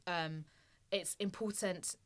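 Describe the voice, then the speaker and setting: A woman's voice: fairly low pitch, steady tone, slow pace. A young woman from Somalia, a climate campaigner, giving earnest and practical advice as a guest in a casual podcast interview.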